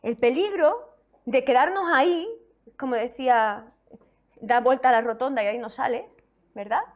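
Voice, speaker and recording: A woman's voice: high-pitched, normal speed. A woman pastor from Spain preaching a sermon with a Spain Spanish accent, reading scripture expressively and asking the congregation questions.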